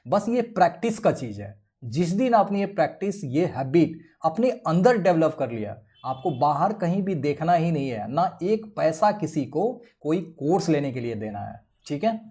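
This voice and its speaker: A man's voice: a little high, big pitch swings, normal speed, mellow. A man giving a step-by-step chart-reading tutorial over a screen share. He keeps checking in with his viewers as he explains. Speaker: trading educator.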